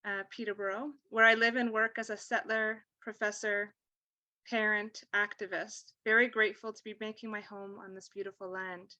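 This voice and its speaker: A woman guest lecturer speaking over a video call, opening her talk in a grateful, measured way. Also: mid-range voice, level tone, pushed and bright, dry recording, muffled recording.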